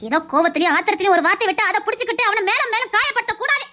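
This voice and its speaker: A stern, wise grandmother scolds in a firm, moralizing tone with a Tirunelveli Tamil accent, voiced by a woman. The voice sits very high and bright. It is family drama acting. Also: lively intonation, very fast, heavily acted.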